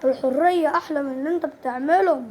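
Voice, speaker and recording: A woman with an Egyptian Arabic accent giving casual, excitable gameplay commentary, breaking into sudden squealing exclamations. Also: sits high, fast, slight background noise. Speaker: gaming channel host.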